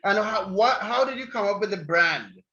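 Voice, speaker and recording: A man's voice: high voice, expressive, moderate pace, bright, forceful tone, muffled recording. A man hosting a casual online interview, talking in a chatty, rambling way. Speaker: interview host.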